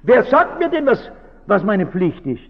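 A man's voice: high voice, huge pitch swings, measured pace, gravelly. A male pastor gives an earnest talk, pressing his listeners with rhetorical questions. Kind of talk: reflective talk to an audience. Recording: dull recording with long hall reverb.

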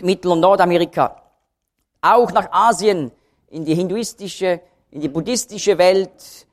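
Male Bible teacher, animated intonation, explanatory lecture delivery, emphatic repetition. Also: sits high.

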